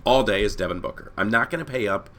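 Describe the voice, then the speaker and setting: A hoarse man who is losing his voice hosts a casual fantasy basketball breakdown over screen share. He talks fast in a lowish, fairly bright voice, rambling and correcting himself as he addresses viewers as "guys."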